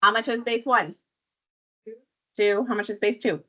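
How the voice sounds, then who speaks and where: Woman teaching math in a classroom, sharp clear tone, voice going from illness, asks the class questions. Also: medium pitch, steady tone, a little slow, highs cut off. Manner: walks through steps, quizzing the class. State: losing her voice from illness. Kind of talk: classroom lesson.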